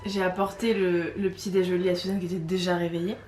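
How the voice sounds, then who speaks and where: A woman hosting a vlog, chatting casually to the camera in an informal, expressive way with frequent exclamations. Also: on the low side, fast talker, loud music behind the voice. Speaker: vlog host. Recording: roomy echo, clear background noise.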